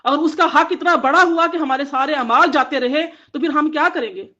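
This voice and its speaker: A woman's voice: high voice, bright, forceful tone. A woman giving an earnest devotional Quran commentary to women, exhorting them in repeated phrases. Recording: dull lo-fi audio.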